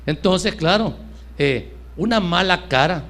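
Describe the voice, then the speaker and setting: A man's voice: animated, slow pace. Fervent middle-aged male pastor preaching. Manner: fervent preaching, swings between raised emphatic lines and soft low asides. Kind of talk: sermon.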